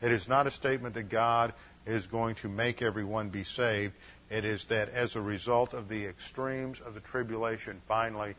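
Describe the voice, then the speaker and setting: A man teaching an expository sermon in an earnest, emphatic way, often pausing with uh. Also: on the low side. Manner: earnest, emphatic, with frequent uh pauses. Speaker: Bible teacher. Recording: dull lo-fi recording.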